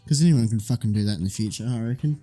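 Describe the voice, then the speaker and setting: A man's voice: medium pitch, racing, warm tone, breathy edge, soft background music. A man co-hosting a podcast in casual chat, laid-back and hesitant, agreeing often. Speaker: podcast co-host.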